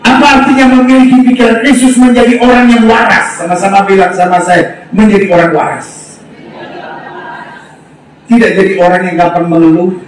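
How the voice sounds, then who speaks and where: A male pastor preaching a revival sermon to a crowd on an open-air stage, leading call-and-response and often shouting. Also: high voice, steady tone, normal speed, recorded from a distance, a little hiss or hum. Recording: very echoey open-air PA, from afar.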